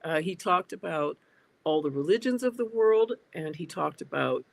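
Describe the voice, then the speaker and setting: A woman's voice: lowish voice, lively intonation, moderate pace, creaky. A woman in her sixties, a guest speaking over a video call, talking thoughtfully with frequent hesitant fillers. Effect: heard over a video call. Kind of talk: reflective interview talk. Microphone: computer on a video call.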